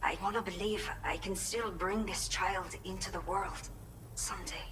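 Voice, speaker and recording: A weary but determined ex-bandit mother-to-be , voiced by an actress in a video game, speaking with a Mexican accent. Her delivery is earnest and measured, at an ordinary mid pitch. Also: fairly even intonation, noisy background, natural voice. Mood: troubled. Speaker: game character giving delivery orders.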